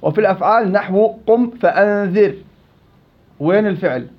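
A man's voice: sits high, normal speed, lo-fi sound. A man teaching a Quran recitation class, quizzing students by name and teasing them. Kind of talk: interactive classroom lesson.

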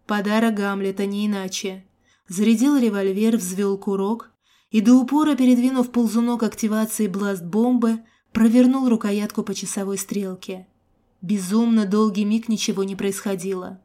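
A woman narrating a first-person audiobook with steady, expressive delivery. Her voice is mellow and soft-edged, at an ordinary pitch for a woman. The reading is even and controlled throughout. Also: normal speed.

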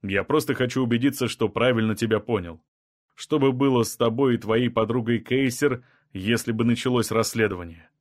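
A male reader voicing a calm, blunt man from another kind of people, level and matter-of-fact even about killing. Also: medium pitch, fairly quick, no echo, studio quality, lightly acted. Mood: cold resolve.

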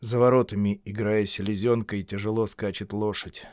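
A man narrating a literary story as an audiobook reader, in a measured, even storytelling manner. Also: lowish voice, no echo, clean studio sound.

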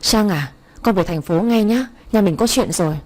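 A woman's voice: mid-range voice, lively intonation, moderate pace, darkish tone, lightly acted. A woman voicing a frightened middle-aged wife who speaks urgently. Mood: alarmed.

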